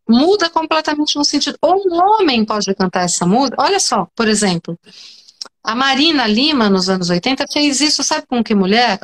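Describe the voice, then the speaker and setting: Woman, Brazilian accent, fairly high voice, emphatic, lively, stumbling restarts, video call. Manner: animated and emphatic, frequent restarts. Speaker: psychoanalyst guest. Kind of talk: online interview conversation.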